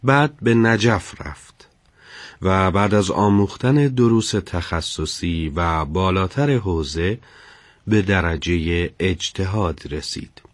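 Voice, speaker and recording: A man narrating a story in a slow, solemn, measured way. His voice sits very low. The recording is close and dry. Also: no echo. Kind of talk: scripted narration.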